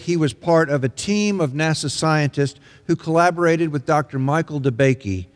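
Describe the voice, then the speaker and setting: An older man, an interim pastor, preaching a sermon from the pulpit in a large church sanctuary, measured and earnest with emphatic rises. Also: medium pitch. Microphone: pulpit microphone. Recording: long reverb of a large sanctuary.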